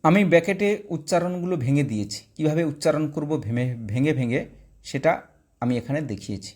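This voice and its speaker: Man slowly drilling Sanskrit pronunciation. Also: fairly high pitch, lively intonation, a little mellow. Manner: slow, syllable-by-syllable pronunciation drills. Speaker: Sanskrit teacher. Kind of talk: recorded class lesson.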